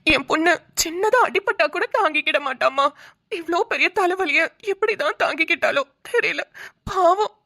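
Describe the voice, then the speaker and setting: A fretful cartoon mother-in-law, acted by a woman, doting and dramatic in her worry. Her voice is high-pitched and bright. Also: moderate pace, full character voice. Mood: fussing. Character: fussy doting mother-in-law, middle-aged. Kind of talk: cartoon voice acting.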